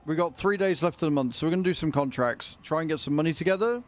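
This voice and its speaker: A man's voice: fairly high pitch, fast talker. A man livestreaming a video game, chatting casually and informally with his viewers. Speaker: livestreamer, gamer.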